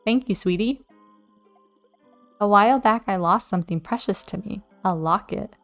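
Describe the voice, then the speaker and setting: A woman voicing a kindly old witch in a video game, soft and motherly, calling the hero dearie. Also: mid-range voice, moderate pace, faint music behind, lightly acted. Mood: gentle.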